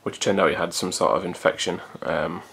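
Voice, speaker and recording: A deep-voiced man in his thirties talks to a home camcorder, loose and rambling. His voice sits low with a gravelly fry running through it, and he swears now and then in an easy, everyday way. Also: fairly even intonation, a little fast, fairly bright tone, slight background noise. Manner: rambling, chatty, swears casually. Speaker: vlogger. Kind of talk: casual chat to camera. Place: hot room at home. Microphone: camcorder built-in mic.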